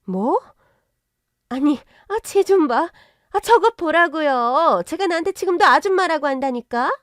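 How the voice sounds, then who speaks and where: A woman voicing a pushy, indignant middle-aged mother-in-law who rants loudly. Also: sits high, animated, measured pace, no room sound, studio quality, voice pushed up. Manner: loud, indignant, ranting.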